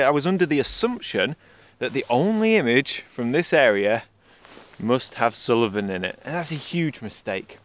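Out in the Scottish highlands in winter, a man from England films his landscape photography vlog, musing aloud with fillers as he reflects. His voice is medium in pitch with a slightly bright tone.

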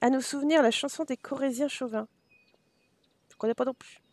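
A French woman streaming a life-sim game live, chatting with her viewers and fondly talking to her characters, sometimes switching into halting English with a French accent. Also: high voice, steady tone, a little mellow, no room sound. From France.

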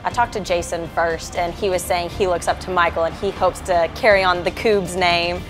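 A woman's voice: fairly low pitch, fairly even intonation, moderate pace, faint music behind, poor audio. A woman interviewer asking a conversational, friendly question.

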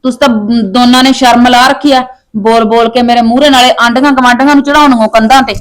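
A woman's voice: a little high, steady tone, fast, close to an everyday voice, poor audio. Woman playing a nagging mother-in-law. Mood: scolding. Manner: scolding, nagging. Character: sharp-tongued middle-aged mother-in-law. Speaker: actor in a family skit. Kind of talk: scripted domestic skit acting.

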